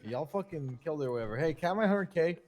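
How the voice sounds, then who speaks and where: A man talking in a roleplay game with a brash, profane, quick manner. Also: fairly high pitch, expressive, a little mellow.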